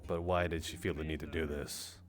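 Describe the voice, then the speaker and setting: Man acting as guarded male game character, extremely low voice, halting, questioning, faint background music. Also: flat delivery. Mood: puzzled, questioning. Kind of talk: improvised in-character role-play in an online game.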